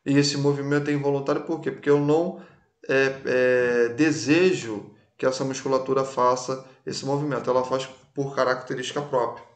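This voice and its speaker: A man's voice: medium pitch, flat delivery, normal speed. A man teaching a recorded class in a casual way, often checking that students follow along. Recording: echoey room.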